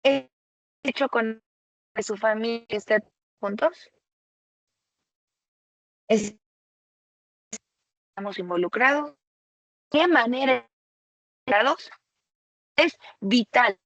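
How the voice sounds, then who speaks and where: A woman presenting a webinar lecture for tutors, explaining slowly and conversationally and often checking in with a rhetorical "¿sale?". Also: fairly high pitch, a bit bright, no echo, highs cut off.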